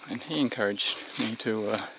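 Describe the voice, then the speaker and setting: Breathless, gravelly Australian man. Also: lowish voice. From New South Wales, Australia. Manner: halting, reflective. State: short of breath, tired. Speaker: vlogger. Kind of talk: unscripted vlog to camera. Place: outdoors in the mountains. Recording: noisy outdoor recording, rural background sounds.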